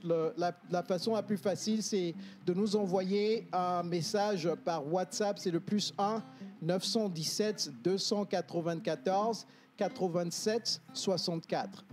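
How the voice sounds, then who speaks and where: A man, an English coach explaining confidently on a talk show, with many hesitations. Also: high voice. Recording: TV studio with music playing behind.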